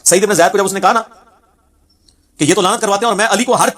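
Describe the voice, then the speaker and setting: A man giving a religious lecture on hadith, telling the stories vividly and acting out the quoted speech. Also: high voice. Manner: animated storyteller who acts out quoted speech. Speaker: Islamic preacher.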